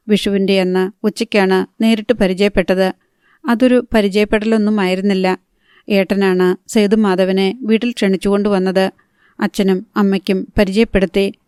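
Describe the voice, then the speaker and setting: Flat, smooth-voiced woman narrating a novel. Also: medium pitch, no room sound, studio quality. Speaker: audiobook narrator.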